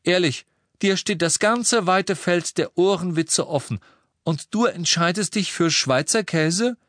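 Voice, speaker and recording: A male narrator doing a cheeky young man with a croaky, raised voice. He ribs his twin with dry wit in this storybook scene. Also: fairly high pitch, slow, a bit bright, no echo, pitched above the performer's own voice. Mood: teasing. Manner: croaking, teasing.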